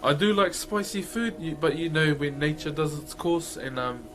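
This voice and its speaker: With music in the background, this man talks at a normal speed in a slightly high voice. He's a live streamer with a broad New Zealand accent, chatting with viewers in a relaxed, slangy way.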